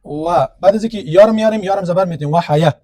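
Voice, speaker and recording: High-voiced male teacher. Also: warm tone, no echo. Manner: explains step by step, asks and answers his own questions. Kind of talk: classroom lecture on grammar.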